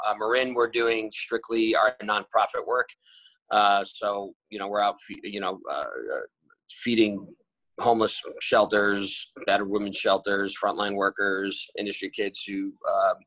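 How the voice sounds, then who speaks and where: Answering interview questions from a bright room at home, this forties restaurant-group owner wanders, restarts and fills pauses constantly. His lowish voice is bright and forceful. Captured by a laptop camera on a video call, the sound is dry and low quality.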